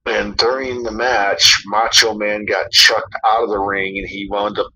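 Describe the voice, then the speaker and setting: Rambling man with a bright, tense voice. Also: lowish voice, level tone, measured pace, slight background noise, rough recording. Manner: rambling, lots of fillers and swearing. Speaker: podcast co-host. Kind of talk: casual podcast chat.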